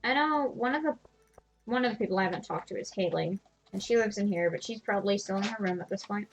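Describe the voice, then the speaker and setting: A woman's voice: medium pitch, quick pace. Chatty self-mocking woman gamer. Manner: chatty, self-deprecating, laughs at herself. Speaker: streamer playing a farming game. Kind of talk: casual gameplay commentary.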